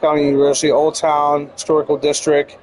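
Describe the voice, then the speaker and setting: A man's voice: a little high, completely flat delivery, darkish tone, low-quality recording. Casual young man streaming a game. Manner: casual, halting reading with fillers, says "bro". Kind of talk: casual live game stream, reading text aloud.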